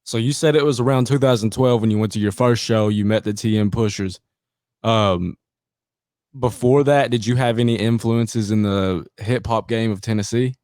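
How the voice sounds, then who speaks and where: A man with a fairly low voice hosts a casual podcast interview. He sounds playful and teasing, and his voice is recorded dry, with hardly any room sound. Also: steady tone, moderate pace, a little mellow, no room sound. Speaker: podcast host.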